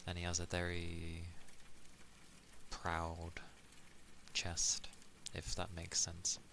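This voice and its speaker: A man streaming, chatting softly and ramblingly in an ASMR style. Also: low voice, completely flat delivery. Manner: soft, rambling, slow-paced musing. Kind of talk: soft-spoken ASMR chat. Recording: clear background noise.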